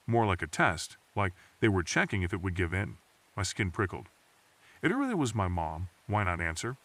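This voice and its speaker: A man's voice: on the low side, fairly bright tone, dry recording. A man reading a scripted first-person horror story in a tense, suspenseful storytelling manner.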